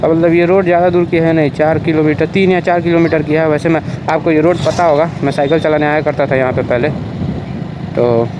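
A man's voice: a little high, flat delivery, a little fast, muffled recording. A young man narrating casually while riding a motorcycle on an open road, rambling with many fillers, speaking into a mic close to his mouth. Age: young adult. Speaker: motovlogger. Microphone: helmet-mounted mic close to the mouth. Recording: loud wind and traffic noise. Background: wind, engine and passing vehicles.

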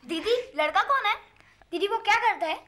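An actress playing a chirpy, eager young sister in a TV serial drama, talking quickly. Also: female voice, extremely high pitch, lively intonation, bright, forceful tone, exaggerated voice. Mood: excited. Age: young adult. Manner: bubbly, rapid, eager. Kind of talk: TV serial acting.

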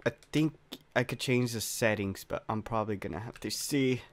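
A young man narrating his own game attempts, swearing and yelping in frustration when he fails. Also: normal speed. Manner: raging, swearing, voice cracking high when failing. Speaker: gamer. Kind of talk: Minecraft parkour gameplay commentary.

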